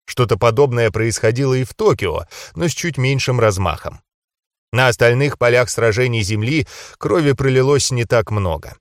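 A man narrating a first-person fantasy audiobook in a calm, measured way. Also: medium pitch, no echo, clean studio sound.

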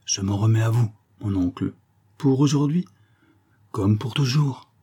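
A man's voice: on the low side, measured pace, dark tone, breathy edge. A man doing a proud, emphatic young noblewoman.

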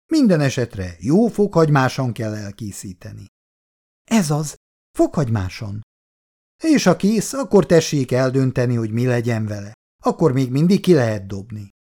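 A man's voice: medium pitch, sing-song, warm tone. A man reading as a fretful, bossy housewife. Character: fussy, anxious middle-aged housewife. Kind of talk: read-aloud family story.

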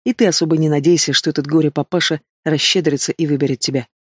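A man's voice: a little high, fairly even intonation, fast, breathy edge, no room sound, studio quality. A man voicing a bitter young henchman who speaks coldly and with contempt, in an audiobook reading. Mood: cold scorn. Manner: cold, contemptuous. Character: bitter young male henchman, cold and scornful.

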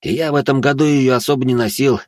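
A man's voice: medium pitch, fairly even intonation, fast, a little mellow, no room sound, clean studio sound, pitched above the performer's own voice, lightly acted. A man reading an audiobook, voicing a tired young man who grumbles. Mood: grumbling.

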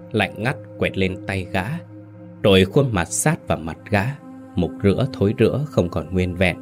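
A man narrating a horror story in a steady, dramatic way. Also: sits low.

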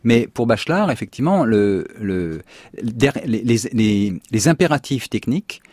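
A man speaking as a philosopher guest on a radio show, halting and restarting while he searches for words. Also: medium pitch, big pitch swings, darkish tone, no room sound, studio quality. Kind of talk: radio discussion.

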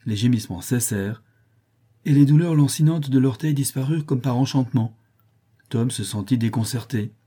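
A man narrates an audiobook in a steady, measured storytelling manner. His voice is husky and dark-toned, with a mellow, low warmth. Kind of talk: scripted narration.

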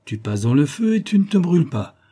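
A man's voice: medium pitch, expressive, moderate pace, dark tone, breathy edge, voice pushed up. A man voicing a hearty, teasing fellow officer. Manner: hearty, bantering.

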